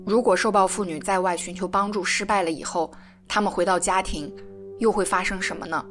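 A woman narrating a documentary podcast, telling a case calmly in a scripted way. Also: medium pitch, brisk, soft background music.

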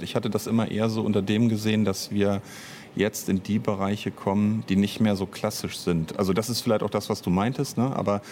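A middle-aged man who writes and directs audio drama is being interviewed casually, his voice fairly low, a little mellow, with a faint hiss or hum. He thinks aloud reflectively and hesitantly, often cutting himself off to rephrase.

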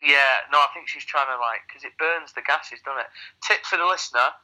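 Heard over speakerphone from a phone call, a podcast co-host with a cold rambles and cracks crude jokes in casual chat. His mid-range voice is brisk, bright and forceful.

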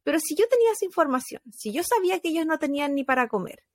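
A woman's voice: high voice, very fast, dry recording, clean studio sound. A woman with a Chilean accent, co-hosting a podcast in casual, slangy chat, often laughing as she tells stories. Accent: Chilean Spanish. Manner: animated, laughing, slangy storytelling. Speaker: podcast co-host.

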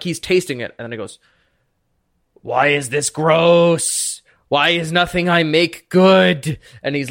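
A man's voice: fairly high pitch, fairly bright tone. A man running a tabletop game as game master, narrating with hesitant fillers.

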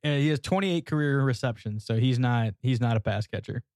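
A man talking casually on a sports podcast, prone to laughter and restarts. His voice sits at an everyday pitch. The sound is dry and close, with no room around it. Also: brisk, darkish tone, no echo. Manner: chatty, laughs often, repeats words. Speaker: podcast co-host.

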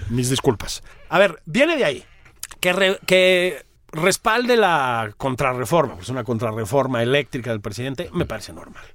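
A man's voice: medium pitch, animated, moderate pace, fairly bright tone, no room sound. A man with a Mexican accent in casual political chat, sarcastic and joking, laughing often. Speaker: political commentator.

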